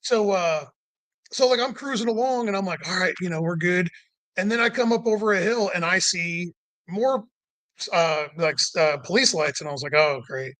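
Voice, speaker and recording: A man's voice: high-pitched, animated, normal speed, a bit bright. A man telling a long road-trip story in casual chat, rambling with lots of "like" and acting out the dialogue. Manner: rambling, heavy use of "like"; acts out quoted dialogue. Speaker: podcast guest.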